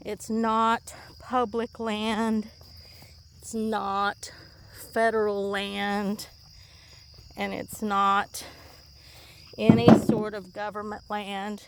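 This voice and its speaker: This woman vlogs outdoors in a horse pasture, chatting and rambling as she digs, slightly out of breath from the work. Her mid-range voice is monotone, with drawn-out words, vocal fry, and long pauses, and she's easily amused. Background noise is audible.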